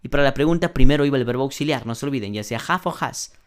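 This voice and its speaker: A man teaching an English grammar class online, explaining step by step, translating each example and saying the English sentences slowly. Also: medium pitch.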